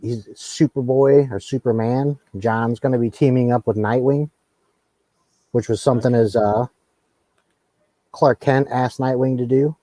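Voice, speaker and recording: A relaxed man hosting a casual live talk show, his voice mellow and warm. He speaks in an easygoing way, often repeating words, and sounds dry and close. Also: mid-range voice, unhurried, long pauses, no room sound, low-quality recording. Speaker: host.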